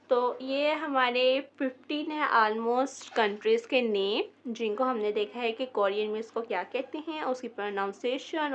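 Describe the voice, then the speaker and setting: A woman's voice: high voice, dull audio. A woman teaching a beginner vocabulary lesson, repeating each word and spelling it out syllable by syllable. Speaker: language teacher.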